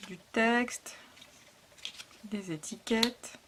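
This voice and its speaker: A woman hosting a casual scrapbooking haul, talking softly and hesitantly with frequent fillers. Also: fairly high pitch, extremely slow, background noise. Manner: soft, hesitant, lots of fillers. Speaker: scrapbooking vlogger. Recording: packaging crinkles and clicks behind.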